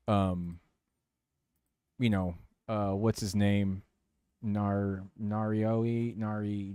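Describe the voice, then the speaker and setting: Chatting casually to his stream, a man tunes and drives in a racing game, cracking jokes and talking to himself in a rambling way. His voice is on the low side, recorded clean with no room sound. Racing engine noise from the game plays loudly underneath.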